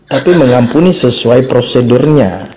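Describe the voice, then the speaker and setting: A man in a religious debate, speaking in a measured way and answering with questions. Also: medium pitch, mellow, husky, rough recording.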